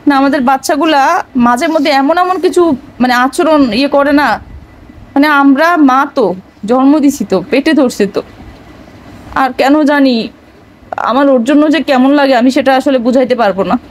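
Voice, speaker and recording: A woman's voice: sits high, normal speed, long pauses, rough recording. A young woman vlogging at home, tenderly coaxing her crying child with repeated endearments, weary and distressed.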